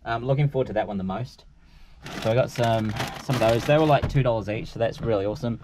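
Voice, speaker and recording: A man's voice: mid-range voice, fast. A man, chatting casually and rambling to camera inside a car. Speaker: vlogger. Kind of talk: casual chat to camera, food taste test. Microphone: camera at arm's length. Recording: dull, noisy in-car camera audio.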